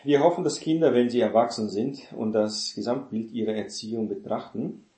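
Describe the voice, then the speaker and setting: A man preaches in a loose, talky way, ending many sentences with a questioning "ne?" and correcting himself as he goes. His voice sits at an ordinary middle pitch. The sound rings around a roomy, echoing space. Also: moderate pace, mellow. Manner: rambling, tags sentences with "ne?"; self-correcting, searches for words. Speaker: preacher teaching on parenting. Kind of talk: informal sermon.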